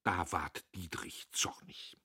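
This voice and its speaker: A man narrating a novel in an expressive, dramatic way on a close microphone. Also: slow pace, no room sound. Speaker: audiobook narrator. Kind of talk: scripted novel reading.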